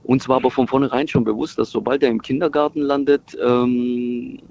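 This middle-aged man, born in Italy and raised in Germany after moving there at six, is a native Italian speaker calling in to a radio show for a casual chat. He speaks a little fast in a mid-range, creaky, darkish voice with fairly even intonation, hesitating often with many fillers and restarts. The call sounds muffled, as if on speakerphone.

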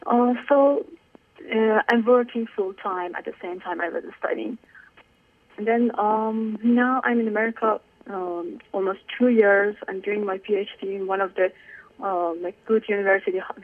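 Over a tinny telephone line, a young Iranian woman calls in to a radio show. Her mid-range voice keeps a steady tone at a normal speed, but she speaks hesitantly, using many fillers while hunting for words.

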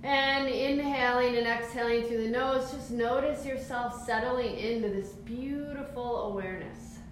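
Slow, echoey woman leading a calm grounding exercise. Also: a little high. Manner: soothing, encouraging, unhurried step-by-step cues. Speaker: movement and mindfulness instructor. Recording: very echoey room, faint background noise.

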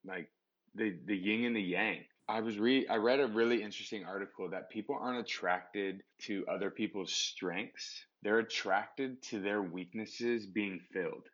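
A man's voice: fairly low pitch, moderate pace, a bit bright, dull audio. A man in his thirties talking casually as a podcast guest, rambling with many restarts and fillers. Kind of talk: casual interview chat.

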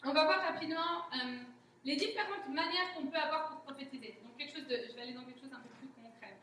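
A woman's voice: high voice, quick pace, bright, forceful tone. A woman giving an informal sermon at a church, speaking candidly and often acting out her own past thoughts. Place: church hall, recorded from a distance. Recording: echoey hall, distant mic, faint noise.

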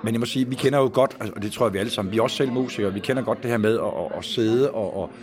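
A Danish man co-hosting an interview, chatting in a relaxed way. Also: on the low side, a crowd in the background. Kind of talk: casual interview chat.

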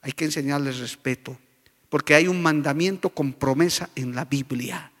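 A man's voice: fairly high pitch, normal speed, fairly bright tone, long reverb tail. A middle-aged man preaching a sermon as a pastor, fervent and often addressing his listeners as brothers.

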